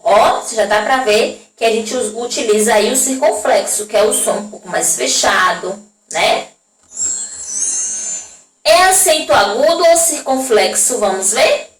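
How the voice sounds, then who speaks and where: Brazilian woman teacher, high voice. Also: animated. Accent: Brazilian Portuguese. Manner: slow, drawn-out pronunciation of example words; frequent checking tags to the class. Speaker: primary school teacher. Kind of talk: recorded classroom lesson for young children. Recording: echoey room, voice from a distance.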